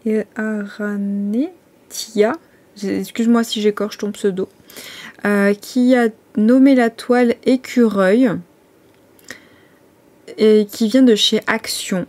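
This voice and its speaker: A woman's voice: medium pitch, steady tone, takes it slowly, long pauses, a little mellow. A woman chatting casually in a vlog, with many hesitations and restarts as she goes through her list. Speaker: vlogger.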